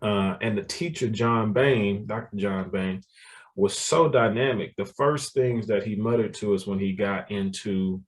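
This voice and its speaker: A man's voice: fairly low pitch, unhurried, far from the mic. A man, telling his story as a guest in a casual interview, laughing often and repeating words. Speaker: guest, real estate developer.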